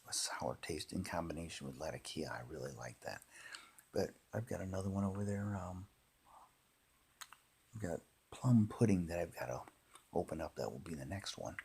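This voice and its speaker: A man in his fifties chatting casually in an unhurried, halting, rambling monologue, with a gravelly, husky voice. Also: deep voice. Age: 50s. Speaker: pipe hobbyist and former tobacco shop worker.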